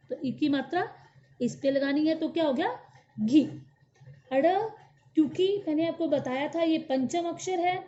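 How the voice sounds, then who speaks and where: A woman with a high, mellow voice teaches young children their letters slowly and patiently. She sounds out each syllable clearly so the class can repeat after her. The recording is dull and lo-fi. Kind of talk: slow Hindi alphabet lesson for young children.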